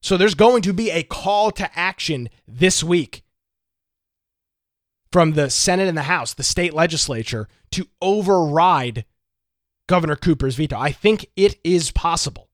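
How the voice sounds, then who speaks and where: A man's voice: on the high side, lively intonation, a little slow, no echo, studio quality. Opinionated male political talk host. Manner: opinionated, rhetorical questions.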